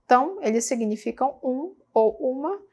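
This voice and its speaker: Brazilian accent, woman, English teacher, patient, slow repetitions, fairly high voice. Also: animated, darkish tone, breathy edge. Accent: Brazilian Portuguese. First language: Portuguese. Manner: patient, repeats words slowly for students. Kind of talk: televised classroom lesson.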